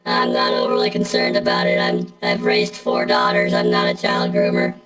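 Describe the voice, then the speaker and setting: A middle-aged game streamer chats casually through a robot voice effect, bluntly answering and talking back to viewers. The voice is extremely low and completely flat, at a moderate pace. The room is echoey, with game music playing.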